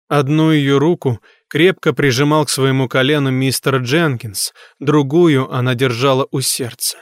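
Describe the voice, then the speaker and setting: A man's voice: medium pitch, no echo, clean studio sound. A man narrating a novel in a tense, grave manner. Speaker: audiobook narrator. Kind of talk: scripted narration of a horror novel.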